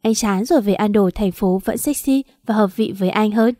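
A woman's voice: mid-range voice, moderate pace, mellow, no room sound, clean studio sound, lightly acted. A woman voicing a mocking, arrogant married man who taunts his wife. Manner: sneering, taunting.

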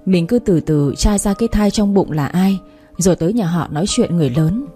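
A woman's voice: fairly low pitch, animated, brisk, warm tone, faint music behind, natural voice. A woman voicing a distraught middle-aged village mother. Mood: pleading. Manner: scolding, then pleading.

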